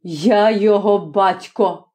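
A woman voicing a stern, grim middle-aged Corsican father who speaks slowly and commandingly in a storybook reading. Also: medium pitch, darkish tone, lightly acted. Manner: slow, hard and commanding.

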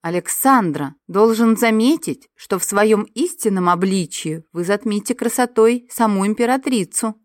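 A woman's voice: mid-range voice, animated, normal speed, hardly any pauses, no room sound, studio quality, lightly acted. A woman voicing a loyal, formal old male dog guardian who sighs and grumbles like a grandfather in an audiobook. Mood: courtly, sighing. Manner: courtly, sighing, grumbles like a grandfather. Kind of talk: audiobook character voice.

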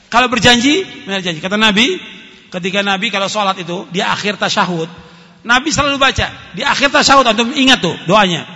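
A man preaching in a mosque lecture hall, his voice very high and strikingly bright, with a lively pitch that swoops as he drives his points home. He repeats key phrases for emphasis and recites Arabic verses before explaining them. The recording is dull and lo-fi, with a long reverberant hall tail behind every phrase. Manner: quotes Arabic scripture then translates. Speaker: Islamic preacher. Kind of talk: Islamic study sermon.

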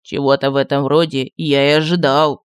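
A woman reading an audiobook, voicing a calm, phlegmatic male thief who speaks slowly in a lowered voice. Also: no echo, close to an everyday voice. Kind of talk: audiobook character voice.

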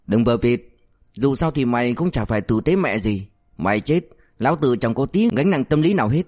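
A man's voice: medium pitch, lively intonation, fairly quick, darkish tone, close to an everyday voice. A man doing a sly, bullying cop. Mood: mocking. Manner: mocking, threatening, crude. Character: cynical, bullying male cop, sly and menacing.

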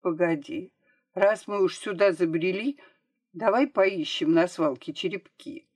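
A woman's voice: fairly low pitch, unhurried, darkish tone, breathy edge, no room sound. A woman voicing a bold, cheeky young girl in an audiobook, eager and brash. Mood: matter-of-fact.

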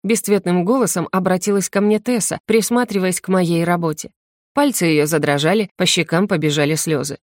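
A woman's voice: on the low side, fairly quick, no echo. Woman narrating an audiobook, dry close sound. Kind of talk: scripted first-person narration.

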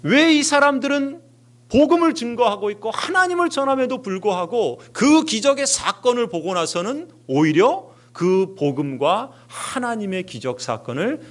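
A middle-aged man preaching a sermon as pastor, lively and questioning his listeners. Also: high voice. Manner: animated preaching with rhetorical questions.

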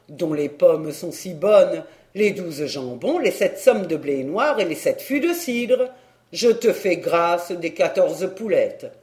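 A reader voicing a gruff, swearing old country squire in an audiobook, speaking loud and boastful. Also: mid-range voice. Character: blustering old Breton country squire, the uncle. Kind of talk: audiobook character voice.

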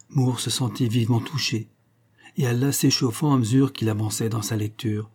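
A man with a mellow, dark, slightly husky voice narrates a classic novel in a measured, literary way. He moves between the characters' dialogue with gentle changes of tone while keeping his own voice. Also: mid-range voice. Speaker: audiobook narrator.

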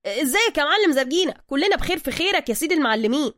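A woman voicing a smooth-talking male fixer who flatters and soothes in Egyptian Arabic. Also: high voice, very fast, dry recording, studio quality, pitched above the performer's own voice. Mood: coaxing.

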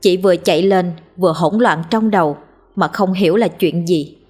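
A woman narrating a ghost story in a measured, somber storytelling voice. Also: lowish voice, darkish tone, breathy edge. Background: faint music.

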